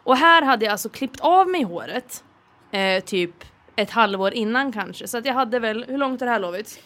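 A woman co-hosting a casual podcast chat, excitable and teasing, with crude jokes. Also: fairly high pitch. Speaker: podcast co-host.

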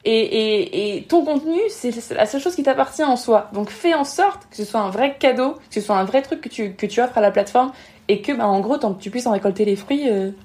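A woman's voice: on the high side, expressive, darkish tone. A woman, a podcast guest giving frank advice on social media in an emphatic way, often acting out other people's thoughts. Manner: rapid, emphatic, frank, acts out quoted thoughts. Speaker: guest, Instagram marketing expert.

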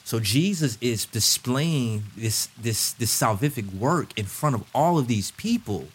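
A man's voice: mid-range voice, animated, unhurried, slightly rough. A man in a podcast discussion, talking in an emphatic, preacherly way and repeating phrases for weight. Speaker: podcast guest. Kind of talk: impassioned conversational preaching and discussion.

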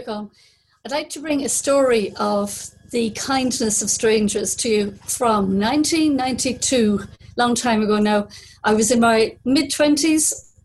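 A woman in her fifties with a Kerry accent from the west of Ireland, telling a personal story in an unhurried, reflective way. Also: a little high, low-quality recording. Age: 50s.

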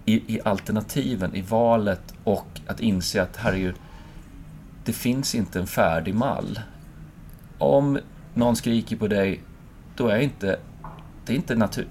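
Thoughtful low-voiced man musing aloud. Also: a little mellow, slight background noise. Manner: thoughtful, searching, acts out his own inner voice. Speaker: speaker and lecturer. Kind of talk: reflective conversation.

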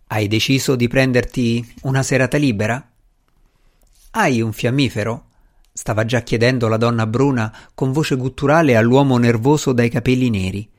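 A man reading a novel aloud as a narrator, giving the characters' dialogue small changes of voice. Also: mid-range voice. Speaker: audiobook narrator. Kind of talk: scripted narration.

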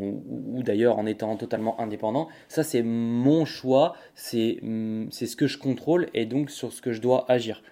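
A man's voice: mid-range voice, warm tone. A young man hosting a casual solo podcast, rambling with many fillers and restarts while talking straight to the listener. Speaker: podcast host.

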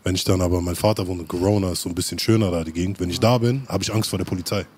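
A man's voice: deep voice, steady tone, racing, darkish tone, slightly rough. A man telling stories in casual chat, full of street slang and acted-out quotes. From Germany.

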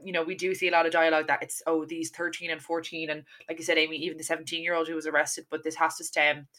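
A woman's voice: sits low, flat delivery, quick pace, pushed and bright. A young woman with an Irish accent, speaking earnestly and emphatically as a podcast host discussing current affairs.

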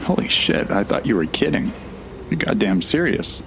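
A man as a gravelly, baffled newcomer. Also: fairly low pitch, big pitch swings, normal speed, noisy background. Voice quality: nervous, sarcastic, flustered. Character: bewildered, awkward young man newly arrived. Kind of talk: audio drama acting.

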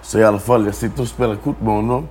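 A man's voice: fairly low pitch, steady tone, a little mellow, slight background noise. A man, telling his story as a guest in a casual interview, swearing often and restarting his sentences. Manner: street slang, swears often, halting restarts.

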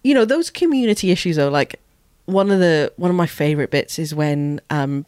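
A man as a podcast guest, chatting casually and telling gossipy, animated stories. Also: fairly high pitch, brisk, clean tone, no room sound, clean studio sound. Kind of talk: casual chat.

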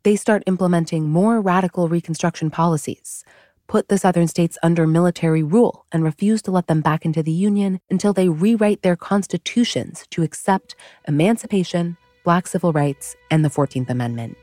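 Woman host, slightly low, mellow voice, wry scripted history narration over faint music. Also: brisk, dry recording, clean studio sound. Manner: wry, conversational storytelling. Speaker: podcast host.

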